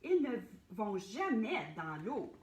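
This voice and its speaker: A woman's voice: mid-range voice, sing-song, slow, reverberant. A woman voicing a brave, worried young male tiger in a storybook, calling out urgently.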